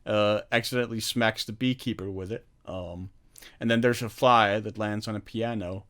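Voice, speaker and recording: A man hosting a film podcast, retelling movie scenes in casual chat with animated energy and frequent laughter. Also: fairly low pitch, moderate pace. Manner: animated storytelling, laughs often. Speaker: podcast host.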